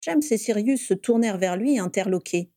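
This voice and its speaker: Woman reading a story aloud, mellow warm tone, steady storytelling, dry close recording. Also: mid-range voice, normal speed, no room sound. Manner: steady storytelling with voiced characters. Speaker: reader.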